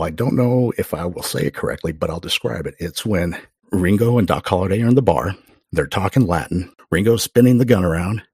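A middle-aged man from Oklahoma, a podcast guest, telling casual stories and loudly acting out the voices of people he quotes. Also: low voice, breathy edge, no echo, studio quality. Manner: animated storyteller, loudly acts out quoted voices. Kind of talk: casual storytelling.

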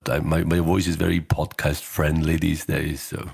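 A hoarse man with a very deep, gravelly voice that has a raspy edge. He chats casually on a podcast with dry, self-mocking humor while still getting over an illness. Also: flat delivery, moderate pace. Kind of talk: casual chat.

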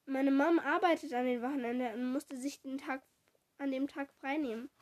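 A woman's voice: sits high, steady tone, moderate pace, natural voice. Woman voicing a squealing, giggly schoolgirl. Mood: hesitant. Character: giddy, kind-hearted schoolgirl.

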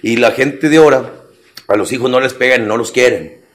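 A man's voice: mid-range voice, fairly quick. A man in his thirties with a Mexican accent, telling crude, comic stories on a podcast. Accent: Mexican Spanish. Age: 30s. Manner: storytelling, crude slang, acts out quoted voices. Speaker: podcast host. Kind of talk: casual comedic chat.

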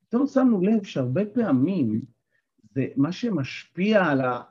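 A man, an NLP coach and therapist, giving an animated workshop talk and asking the group questions. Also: a little high, slightly rough, muffled recording.

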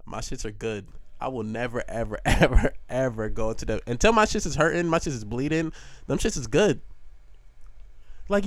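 A man's voice: mid-range voice, no echo. Rambling, profane young man, dry sound. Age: young adult. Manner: rambling, profane, laughs often. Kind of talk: casual storytelling monologue.

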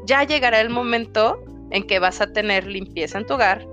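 A woman with a Mexican accent talks in a casual, frank way, full of slang. Her voice sits at a middle pitch, and faint music plays underneath. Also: a little fast, a bit bright, lo-fi sound. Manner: frank and slangy, acts out dialogues with her kids. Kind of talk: casual chat.

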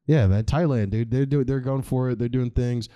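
A man's voice: mid-range voice, moderate pace, warm tone, no room sound. A man hosting a podcast, delivering a casual, comedic monologue in a rambling, slangy, sweary way. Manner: informal, slangy, heavy swearing. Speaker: podcast host.

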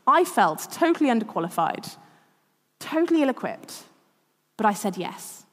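Lively woman preaching in a hall. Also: fairly high pitch, moderate pace. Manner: chatty, self-deprecating, laughs at herself. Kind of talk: sermon with personal stories.

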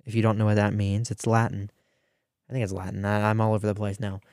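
A man's voice: lowish voice, flat delivery, fast talker, a little mellow, clean tone, no room sound, studio quality. Teenage boy hosting rambling radio talk. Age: teens. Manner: rambling, with fillers and restarts. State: hiccuping. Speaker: radio show host.

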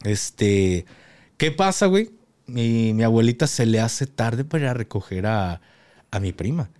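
A man's voice: medium pitch, lively intonation, measured pace, a little mellow. A man with a Mexican accent, chatting casually as a podcast host, full of slang and laughing easily. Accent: Mexican Spanish. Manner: slangy, laughs while telling a grim story.

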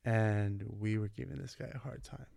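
Gravelly-voiced man telling stories. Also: on the low side, normal speed, no echo. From California. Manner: animated, acts out quoted dialogue in his stories. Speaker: vice principal, podcast guest. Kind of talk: casual storytelling interview.

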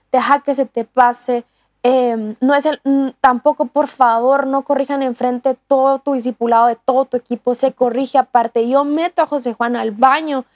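High-voiced woman giving earnest casual teaching. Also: no room sound. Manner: earnest, many restarts and fillers. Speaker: co-host teaching on discipleship.

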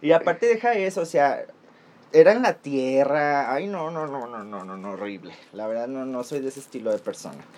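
Very deep-voiced Mexican woman, lively delivery. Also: normal speed, a little hiss or hum. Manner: dramatic storyteller, blunt slang. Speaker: podcast co-host. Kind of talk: casual chat.

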